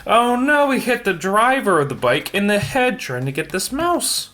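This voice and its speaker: Very animated, with a high-sitting, sharp-toned voice at normal speed, a man reads a picture book to a child at bedtime. He occasionally trips over words and adds offhand remarks about the illustrations.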